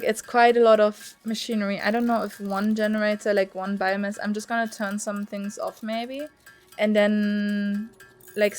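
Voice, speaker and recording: Rambling, foul-mouthed young woman streamer. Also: medium pitch. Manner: rambling, swears freely, chats with viewers. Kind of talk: casual gameplay commentary. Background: faint music.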